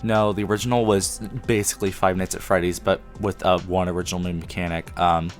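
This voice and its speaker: A man's voice: deep voice, level tone, fairly quick, faint music behind. A young man hosting a casual podcast chat, rambling with lots of ums. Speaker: podcast host. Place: friend's house at night. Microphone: one mic shared with a co-host.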